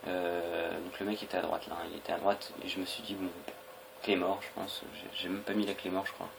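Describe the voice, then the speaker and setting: A young man with a fairly low voice commentates casually on a video game. His delivery is hesitant and rambling, and the homemade recording has clear noise behind the voice. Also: flat delivery, a little fast. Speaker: gaming video creator.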